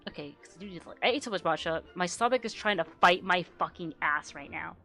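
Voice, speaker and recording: A woman streamer chatting casually with a low natural voice, rambling and swearing, often trailing off into quiet mumbles. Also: fast talker, soft background music. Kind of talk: casual livestream chat.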